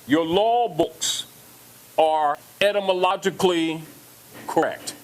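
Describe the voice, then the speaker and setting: A man's voice: a little high, takes it slowly, slight background noise, low-quality recording. A man giving an emphatic lecture to an audience, repeating points and asking rhetorical questions.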